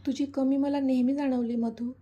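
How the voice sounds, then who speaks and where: Woman voicing young mother, teasing and tender, high mellow voice, husky, storybook. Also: level tone, normal speed, highs cut off. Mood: heartfelt.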